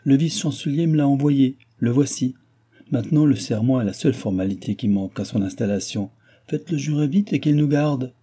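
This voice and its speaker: A playful, scheming court countess, voiced by a man who wheedles and coaxes. The voice sits a little higher than his narration but stays husky. It is read from a storybook. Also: brisk, dark tone, close to an everyday voice. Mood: insistent.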